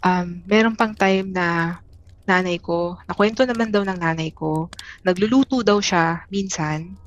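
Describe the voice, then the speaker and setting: A woman from the Philippines, a guest telling a personal story in a casual, halting way, with many restarts and fillers. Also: on the low side, muffled recording, a little hiss or hum. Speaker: interview guest.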